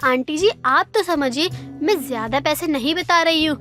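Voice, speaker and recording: Woman voicing a gentle young tailor. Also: sits high, normal speed, faint music behind. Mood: polite. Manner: gentle, respectful.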